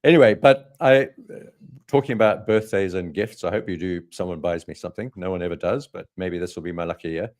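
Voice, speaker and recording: Late-fifties male host, very low voice, dry humor, methodical chart commentary. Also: fast talker, darkish tone. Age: 50s. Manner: dry joking, walks through charts step by step. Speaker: trading analyst host. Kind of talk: live market commentary.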